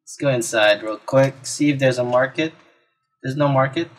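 Poor audio captures a medium-pitched man speaking at a moderate pace over video game music. He's a let's play gamer giving casual commentary, reacting and exclaiming as he talks to himself.

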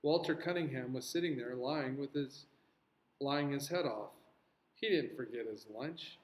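A man's voice: mid-range voice, unhurried, reverberant, rough recording. A man reading a novel aloud to a class, stopping for casual asides to explain the story.

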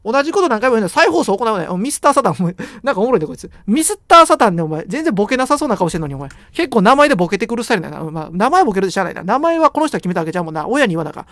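A young man with a Kansai accent talks at a breakneck pace, his pitch leaping around as he rambles and jokes through a horror game. He makes fun of himself and the game's characters. The sound is close and dry, with no room around it. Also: sing-song, very fast, few pauses, a bit bright, dry recording. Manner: joking, rambling, self-deprecating banter. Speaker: game streamer. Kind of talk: horror game let's play commentary.

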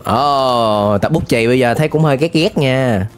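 A man gives excited reaction commentary, often shouting and dropping English exclamations. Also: medium pitch, normal speed, slight background noise. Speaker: YouTuber reacting to an animated series.

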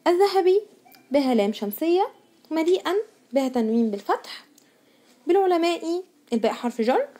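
A woman's voice: very high voice, animated, a little fast, dark tone. A woman teaching a primary school grammar lesson in Egyptian Arabic. She stresses each new word and answers her own questions to the pupils. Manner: asks pupils questions and answers them herself.

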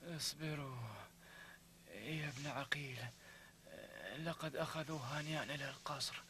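An actor dubbing a worried adviser in a historical drama, who speaks in an anxious, careful way. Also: male voice, on the high side, fairly even intonation, moderate pace, bright, forceful tone, a little hiss or hum. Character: worried male adviser to a rebel leader.

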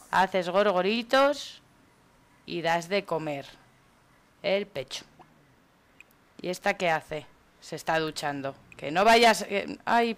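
Woman from Spain, casual gameplay commentator. Low-pitched, unhurried, exclamatory, with faint background noise. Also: a bit bright. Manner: chatty, exclamatory, talks to her game character. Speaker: gaming YouTuber. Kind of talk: casual let's-play commentary.

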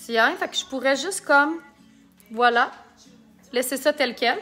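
A woman's voice: high voice, a little slow, pushed and bright, soft background music. A woman with a Québécois accent, chatting and joking while she demonstrates makeup in a casual live tutorial and reads out viewer comments. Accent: Québécois French. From Quebec.

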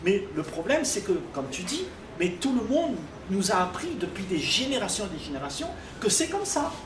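An older man speaks slowly and gently, like a teacher leading a dialogue. He sounds distant from the microphone in a reverberant room. A steady background noise sits under his voice. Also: high voice. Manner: calm, teaching, often asks "tu comprends?". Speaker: speaker at a public talk. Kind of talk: spiritual dialogue with audience. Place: library reading area, indoors. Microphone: far room microphone. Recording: echoey room, distant mic, noisy.

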